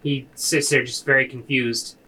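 A man's voice: medium pitch, flat delivery, normal speed, sharp tone, slightly rough, rough recording. A man narrating a tabletop role-playing game as game master, casual and improvised.

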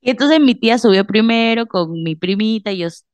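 A woman's voice: on the high side, a little fast, dry recording. A woman in her thirties with a Peruvian accent, co-hosting a casual chat and telling stories with a lot of laughter. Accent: Peruvian Spanish. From Peru. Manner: animated storyteller, laughs often. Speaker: podcast co-host.

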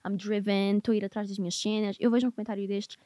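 A woman hosting a podcast, chatty and animated, and she slips in English phrases. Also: mid-range voice, fast, dry recording. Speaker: podcast host. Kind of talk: casual podcast conversation.

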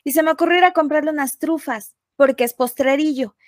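High-voiced Mexican woman telling a story. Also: a little fast, dry recording, clean studio sound. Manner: animated, acts out quotes. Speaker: guest. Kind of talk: casual storytelling.

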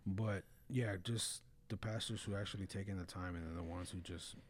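A man's voice: low-pitched, steady tone, normal speed. Blunt, earnest man in casual faith talk. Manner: blunt, earnest, frequent "bro" and "you know". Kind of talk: casual religious discussion.

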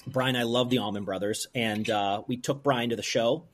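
A man from rural Pennsylvania, a brewery owner, telling a personal story in an interview in an earnest, halting way full of restarts. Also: mid-range voice, fairly even intonation.

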